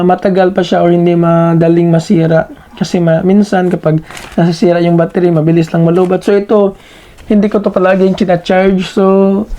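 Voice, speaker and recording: A reviewer gives a casual, hands-on product demonstration, halting and repeating himself while he hunts for words. His voice sits high and has a warm tone.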